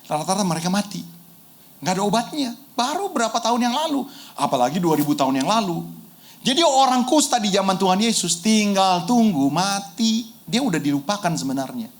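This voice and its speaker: A middle-aged man preaches to his congregation. His voice sits high for a man, and he tells the story with animated swings, breaking into shouts and easy street slang. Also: a little fast. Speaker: pastor. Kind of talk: sermon.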